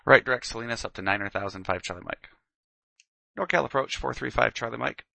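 A man's voice: mid-range voice, fast talker, vocal fry, pushed and bright, no echo. A man working as a pilot, making procedural radio calls and readbacks.

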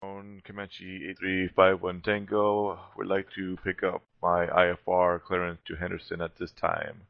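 A man's voice: low voice, completely flat delivery, measured pace, gravelly, hardly any pauses, no echo. A man speaking as a pilot, making aviation radio calls and reading instructions back. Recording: muffled, dull radio audio.

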